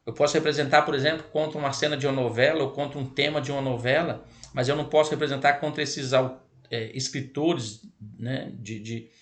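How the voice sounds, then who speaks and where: A man's voice: medium pitch, a bit bright. A man with a Brazilian accent giving an online law lesson, explanatory and self-correcting, his throat scratchy and irritated. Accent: Brazilian Portuguese. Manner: explanatory, repeats and corrects himself, addresses "pessoal". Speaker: lecturer on child protection law.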